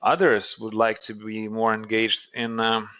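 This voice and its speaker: A man's voice: lowish voice, monotone, a little slow, sharp tone, smooth. A man, a podcast guest explaining things thoughtfully and searching for words. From Lithuania. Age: late 30s. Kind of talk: earnest podcast conversation.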